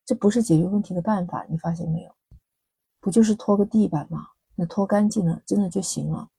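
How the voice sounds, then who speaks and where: A woman's voice: fairly low pitch, brisk, creaky, mellow, slightly rough, no echo, poor audio. A woman hosting a vlog, giving casual relationship advice in a chatty way with many rhetorical questions. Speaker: vlog host.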